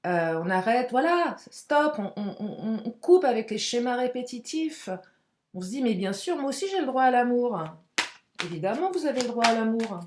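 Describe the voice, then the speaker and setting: A woman giving a casual, chatty tarot card reading to her viewers, expressive and frank, with frequent exclamations. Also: a little high, moderate pace, echoey room. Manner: frank and outspoken. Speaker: tarot and oracle card reader.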